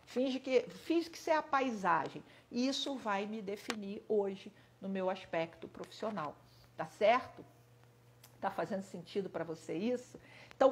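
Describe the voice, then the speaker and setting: A woman's voice: medium pitch, a little hiss or hum. A middle-aged woman giving an HR coaching talk to viewers, emphatic and repeating her points, acting out the voices she quotes. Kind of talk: live-streamed talk answering viewers.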